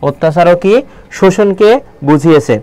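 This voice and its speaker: A man teaching a live online Bangla lesson, keeps asking the viewers questions and slows down to read poem lines aloud. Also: high voice, darkish tone, clean tone. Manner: quizzing viewers with repeated questions.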